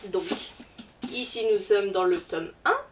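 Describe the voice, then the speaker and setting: A woman's voice: mid-range voice, measured pace. A woman presenting a casual book haul vlog, chatty and hesitant with lots of fillers. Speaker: book vlogger. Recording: distant mic, faint background noise.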